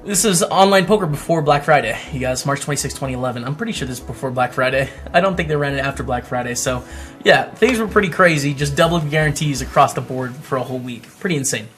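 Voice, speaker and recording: Reading old blog posts aloud on his casual vlog, the host, a poker streamer, adds wry, chatty comments along the way. His medium-pitched voice is fairly bright and quick, backed by faint music.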